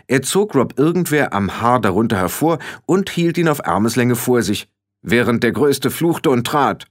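Expressive male audiobook narrator. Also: mid-range voice, moderate pace. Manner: expressive, storytelling. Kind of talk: scripted narration.

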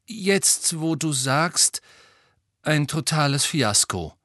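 A man's voice: medium pitch, expressive, unhurried, fairly bright tone, husky, dry recording, studio quality, voice pushed up. A man reading an audiobook, voicing an indignant, flustered teenage boy wizard who stammers when upset.

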